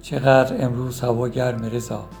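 A man voicing a caring middle-aged mother who keeps urging her son to marry, in a gravelly storybook reading. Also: medium pitch, little pitch movement, a little mellow, faint music behind, close to an everyday voice. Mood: insistent. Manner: fussing, pleading.

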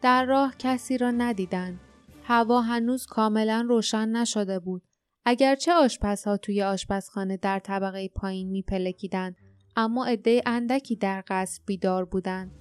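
A woman narrating an audiobook in a steady, measured reading voice. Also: mid-range voice, smooth, no room sound, clean studio sound, soft background music.

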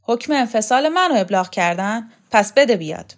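A woman's voice: fairly high pitch, expressive, voice pushed up. A woman doing a fierce, bossy older woman commander. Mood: furious scolding. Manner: scolding, shouting insults.

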